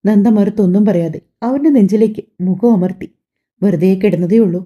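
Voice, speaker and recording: A woman reading a family drama audiobook aloud, telling the story softly and voicing every character herself. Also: mid-range voice, a little fast, dull audio. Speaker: audiobook narrator.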